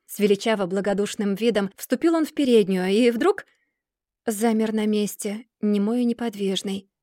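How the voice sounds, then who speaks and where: A woman reading a classic novel aloud in a measured, expressive way. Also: medium pitch, dry recording, clean studio sound. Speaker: audiobook reader.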